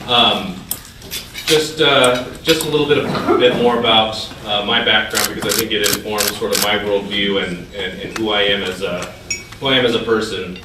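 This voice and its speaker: A guest speaker in his thirties, raised in California's Central Valley with Thai as his first language, gives a hesitant, informal talk to a club, full of fillers and restarts. His voice is lowish and steady at a moderate pace. The recording picks up background noise in a large, echoey dining hall, with the mic set far away.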